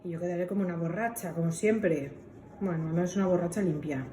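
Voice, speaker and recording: A woman's voice: on the low side, fast, warm tone, a little hiss or hum. A Venezuelan woman with a Venezuelan accent, grumbling in exasperated asides in a comedy sketch. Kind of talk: comic sketch monologue. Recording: echoey room with music behind.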